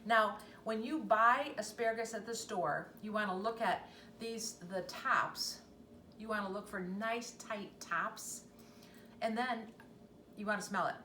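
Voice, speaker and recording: A woman's voice: mid-range voice, measured pace, pushed and bright, slight background noise. Chatty woman demonstrating cooking in a kitchen. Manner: chatty, enthusiastic, talks to viewers directly. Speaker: cooking show host. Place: home kitchen. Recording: roomy echo, mic at a distance, faint ambience.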